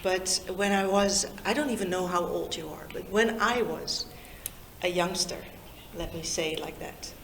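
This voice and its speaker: A woman's voice: fairly low pitch, gravelly, roomy sound, slight background noise. A woman in her fifties, a native Dutch speaker, giving an informal, chatty talk to a group of young people and drawing them in with questions. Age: 50s. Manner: slow, warm and chatty, draws in her listeners. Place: meeting room in Lusaka.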